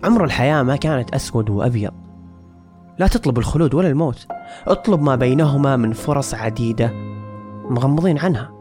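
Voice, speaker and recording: Guy hosting a podcast, quick and earnest, bit of soft music under him. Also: medium pitch, lively intonation. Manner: earnest, wry, measured essay delivery. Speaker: podcast host. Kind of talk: reflective scripted podcast monologue.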